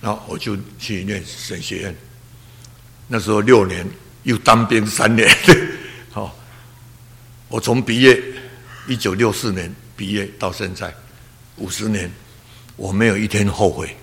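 A man's voice: on the low side, steady tone, a little slow, creaky, long pauses, fairly bright tone. Man around 80, pastor. Earnest testimony with emotional swings. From Taiwan. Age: about 80. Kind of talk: personal testimony.

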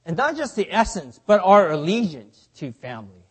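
High-voiced man preaching in short phrases. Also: big pitch swings. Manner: speaks in short phrases, pausing for translation. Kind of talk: sermon delivered through an interpreter.

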